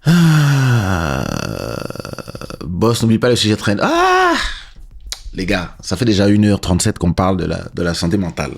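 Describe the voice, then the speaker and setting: A man from Congo, raised in France, hosting a relaxed livestream and answering viewer questions in an unhurried way. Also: on the low side, husky. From Congo, raised in France from age seven. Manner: relaxed and unhurried, pauses with filler sounds. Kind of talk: casual livestream chat reading viewer questions. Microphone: dynamic podcast-style microphone.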